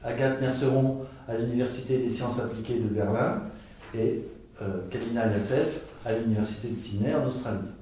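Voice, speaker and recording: A man interviewing guests, asking formal questions in a measured way. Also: mid-range voice, dark tone. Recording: echoey room, distant mic, faint noise.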